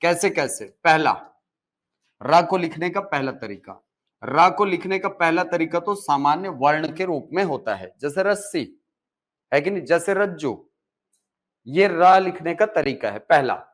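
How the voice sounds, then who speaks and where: A man's voice: fairly high pitch, animated, a little slow, a bit bright. A male Hindi teacher with a Chhattisgarhi accent, giving a live classroom lecture and explaining step by step, asking and answering his own questions.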